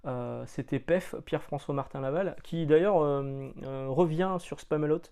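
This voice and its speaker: A fairly high-pitched man from France chats through a comics review in a casual, loose way. He drops slangy jokes and keeps stumbling over small hesitations as he goes. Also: moderate pace, mellow, clean tone. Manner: chatty, many hesitations and fillers.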